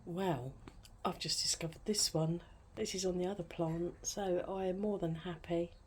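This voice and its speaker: A woman giving a casual, chatty gardening vlog, showing things off in an unhurried, informal way. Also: lowish voice, fairly even intonation, a little mellow, breathy edge. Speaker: gardening vlogger.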